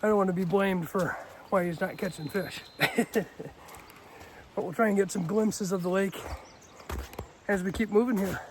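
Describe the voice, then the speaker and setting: Young guy vlogging on a snowy trail, fairly high voice, chatty, laughs at himself, a bit of wind and outdoor hiss. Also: normal speed, pauses often. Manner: chatty, self-deprecating, laughs often. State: out of breath. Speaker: hiking vlogger. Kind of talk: casual outdoor vlog narration. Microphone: handheld phone.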